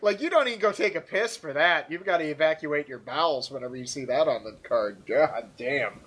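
Excitable American man with a bright voice. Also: fairly high pitch, a little fast, slightly rough. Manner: excitable, stammering, laughs often. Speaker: podcast co-host. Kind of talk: casual wrestling recap chat.

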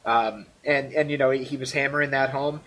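An American man co-hosting a casual podcast, talking excitedly with stammered restarts and frequent laughter. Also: mid-range voice, a little fast, a little hiss or hum. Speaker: podcast co-host. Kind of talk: casual wrestling recap chat.

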